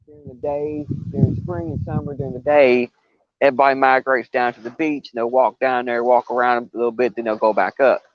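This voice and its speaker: On his fishing livestream, an older man sits on a riverbank telling casual, meandering stories that trip and restart along the way. He talks briskly in a level, medium-pitched tone. The recording is dry, and the audio is dull.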